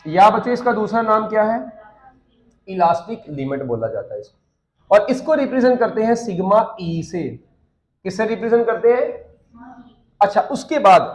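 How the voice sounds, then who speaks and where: A man's voice: very high voice, reverberant, poor audio. A man teaching a physics class, joking and quizzing students with repeated questions.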